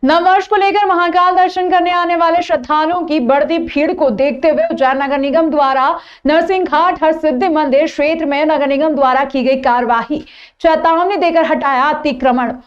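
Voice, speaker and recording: A woman with a high voice reads the local news in a formal, even newsreader style. The audio is dull and lo-fi. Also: moderate pace. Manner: formal, steady newsreader delivery. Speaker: news anchor. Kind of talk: scripted news reading.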